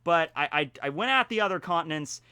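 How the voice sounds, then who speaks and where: A man talking casually in a home vlog, with playful mock-grandiose announcing, theatrical emphasis and drawn-out words. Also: fairly high pitch, lively intonation, pushed and bright, clear, resonant tone, no echo. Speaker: vlogger. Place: indoors at home.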